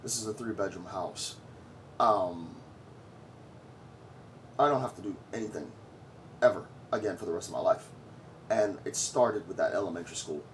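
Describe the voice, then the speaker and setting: A man in his forties, from Trinidad and Tobago, talks straight into his vlog with a fairly low voice. He is blunt and boastful and lectures the viewer. He has no patience for anyone's feelings. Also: normal speed, long pauses, a little hiss or hum. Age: 40s. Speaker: vlogger. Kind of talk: opinionated commentary.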